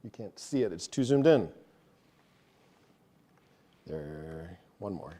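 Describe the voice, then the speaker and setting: A man presenting a technical talk to a live audience, quick and casual, joking about himself. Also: deep voice, very animated, mellow. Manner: fast, casual, self-deprecating. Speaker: meetup presenter. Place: meeting room with an audience.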